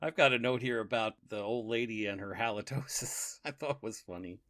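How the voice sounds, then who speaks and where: A man's voice: mid-range voice, fairly quick, a bit bright. A man co-hosting a casual podcast, agreeing readily and laughing easily as he chats about a radio series. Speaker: podcast co-host.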